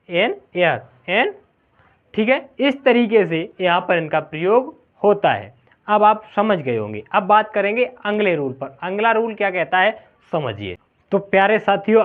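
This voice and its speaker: A man teaching a grammar lesson, explaining slowly, drawing out the example words and often checking whether the class follows. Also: high-pitched. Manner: explains slowly, keeps asking "clear?". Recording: tinny phone-like sound.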